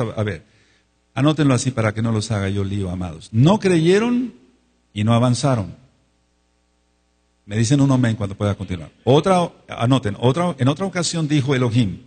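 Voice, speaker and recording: A man's voice: medium pitch, a little mellow. A man preaching a sermon, drawing out words for emphasis and asking the congregation to repeat after him. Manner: calls for repetition and amens from congregation. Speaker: pastor.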